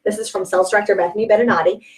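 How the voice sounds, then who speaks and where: A woman's voice: medium pitch, steady tone, very fast, low-quality recording. A young woman coaching a sales team in a chatty, upbeat way, often checking in with "okay?". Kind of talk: sales training talk.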